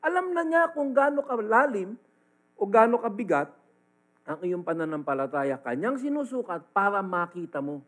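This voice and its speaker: A man with a Filipino accent preaching a sermon as pastor, swinging between loud emphatic lines and quiet asides. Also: sits high, poor audio.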